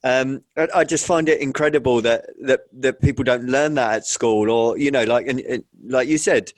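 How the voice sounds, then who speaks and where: A man speaking in a reflective, halting way in a casual interview conversation. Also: mid-range voice, no echo.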